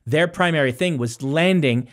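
Recorded on a boom-mounted studio mic in a small indoor studio, a forties-aged podcast co-host rambles through a casual, playful conversation, often correcting himself. His voice sits on the high side and his speed is normal.

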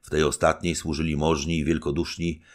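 A man narrating a classic novel as an amateur audiobook reader, with expressive intonation. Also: extremely low pitch, fairly quick.

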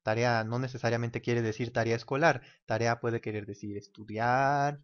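A man's voice: medium pitch, steady tone, moderate pace. A man giving a casual whiteboard lesson, talking while he draws and mimicking a ticking clock. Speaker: teacher. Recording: dull lo-fi recording.

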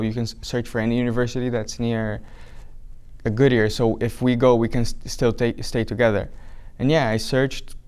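Recorded in a small room before a flag backdrop, this young adult from Brazil speaks with a Brazilian accent and Portuguese as his first language. As a documentary subject he answers interview questions haltingly, often restarting, in a mid-range, slightly mellow, clean-toned voice.

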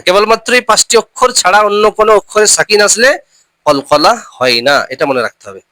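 Bright-voiced man teaching recitation rules. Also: sits high, animated, no echo, poor audio. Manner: spells out letters and syllables slowly, then repeats them; reminds listeners often to remember the rules. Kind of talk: step-by-step recitation lesson.

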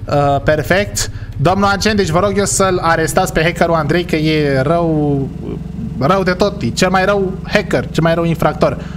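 High-voiced young man narrating gameplay. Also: background noise. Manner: talks to viewers, jumps into sudden high-pitched shrieks of surprise. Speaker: gaming YouTuber. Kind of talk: role-play gameplay commentary.

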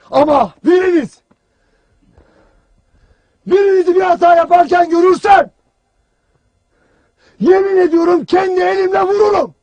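A harsh, high-voiced army commander. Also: male voice, no echo. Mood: stern. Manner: harsh, lecturing, bursts into shouting. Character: stern male special forces commander berating soldiers. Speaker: military commander. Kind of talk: TV drama acting.

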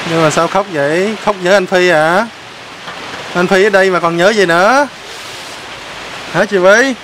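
A man's voice: high voice, measured pace. Teasing man host, noisy hiss. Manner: prodding, repeats questions. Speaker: vlog host. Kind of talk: teasing casual chat on camera.

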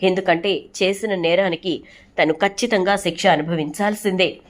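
A woman voicing a stern middle-aged father in a TV serial recap, speaking firmly and measured. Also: fairly low pitch, steady tone, lightly acted.

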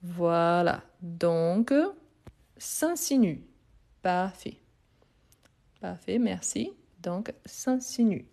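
A woman's voice: lowish voice, extremely slow, vocal fry, pauses often, mellow. A woman teaching French grammar in a live online lesson, repeating and spelling out each word and answering viewers' questions.

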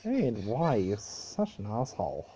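Slow-talking man reacting. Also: fairly low pitch, huge pitch swings, mellow, a little hiss or hum. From Australia. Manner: laughing, chatty, amused. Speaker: reaction video host. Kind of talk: casual reaction commentary.

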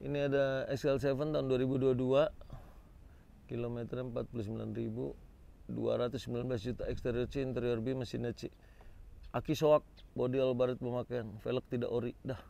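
A man's voice: mid-range voice, little pitch movement, fairly quick, vocal fry, warm tone. A man gives informal, exclamatory walk-around commentary as a vlog host, addressing viewers directly. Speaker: host of a used car auction vlog. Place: outdoors in a car lot.

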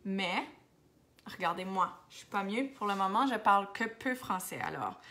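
A woman's voice: mid-range voice, expressive, normal speed, bright, forceful tone. A woman from New Brunswick with an Acadian French accent, chatting casually on a live stream as she answers viewers' comments and slips into English now and then. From New Brunswick, Canada. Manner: chatty, switches to English, drops to near-whispers now and then. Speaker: makeup seller hosting a Facebook live.

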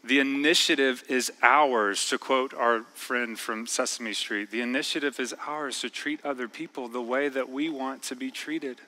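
Bright-voiced man preaching a sermon. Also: medium pitch, fairly even intonation, rough recording. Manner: conversational preaching with slow emphatic stresses. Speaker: pastor. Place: church sanctuary.

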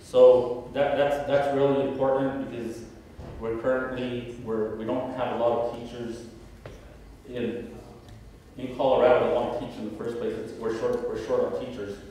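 Halting man at a podium in an echoey hall. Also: medium pitch, level tone, mellow, a little hiss or hum. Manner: halting, many fillers and restarts. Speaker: school board candidate. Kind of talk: candidate forum answers, unscripted. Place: large auditorium stage at a podium. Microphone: podium mic from a far camera. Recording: echoey hall heard from far off.

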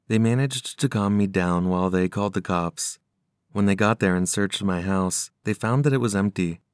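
A low-voiced man reads a scripted horror story in a measured, serious manner. His voice is smooth and clean, recorded close and dry with no room sound. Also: no room sound.

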